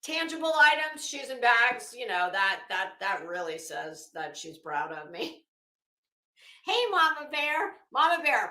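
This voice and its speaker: A middle-aged woman hosts a livestream, greeting viewers casually with teasing, salty banter. Her fairly high voice sounds pushed and bright, and the room is echoey.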